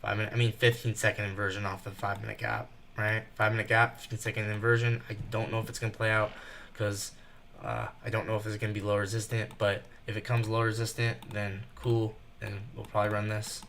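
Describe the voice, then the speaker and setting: A nervous young man giving fast live commentary while trading, thinking out loud and rushing his words. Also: fairly low pitch, flat delivery, gravelly, a little hiss or hum. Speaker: day trader streaming live.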